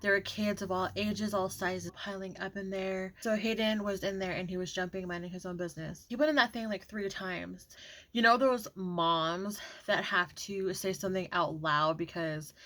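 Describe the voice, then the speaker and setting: A woman's voice: medium pitch, steady tone, moderate pace, a bit bright. A young woman vlogger telling a casual story-time rant, chatty and exasperated, with lots of filler words.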